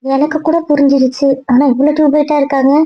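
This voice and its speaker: A woman's voice: sits high, flat delivery, fast, dry recording, lo-fi sound, lightly acted. A young woman playing a hurt young girlfriend who questions and reproaches, in a web drama.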